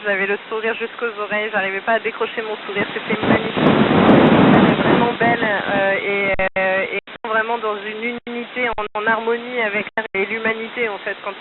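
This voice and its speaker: A man, an astronaut, patiently answering school questions over a noisy, narrow ham radio downlink from space and closing each turn with radio protocol. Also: high-pitched. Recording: hissy phone-thin amateur radio link.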